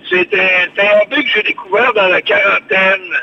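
An older radio show host with a Québécois French accent calls in by phone for some casual radio chat, talking expansively and repeating his words. His high voice is a little fast, creaky, bright and forceful, heard over a dull lo-fi line with faint noise.

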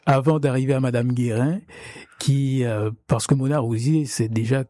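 A man's voice: medium pitch, fairly even intonation, normal speed, warm tone, dry recording. A man hosting an interview, speaking in a hesitant, roundabout way. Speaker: radio interviewer.

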